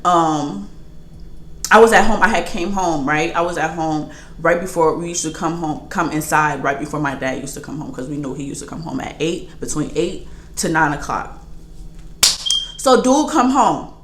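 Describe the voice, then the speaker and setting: A young woman vlogger telling a casual storytime, animated and slangy, often laughing. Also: low-pitched, normal speed, background noise. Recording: roomy echo with faint music.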